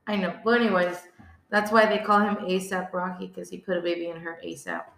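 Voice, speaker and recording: Woman cohosting a podcast, gravelly fry, cracking jokes, lots of ums, roomy echo. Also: lowish voice, expressive, normal speed, fairly bright tone. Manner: joking, rambling with many fillers. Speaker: podcast co-host. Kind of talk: casual chat.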